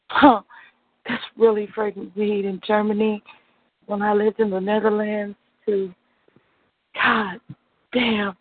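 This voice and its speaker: A woman who is high on weed, talking in a languid, drifting stoner manner in a relaxed personal monologue. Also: dry recording. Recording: thin, narrow phone line.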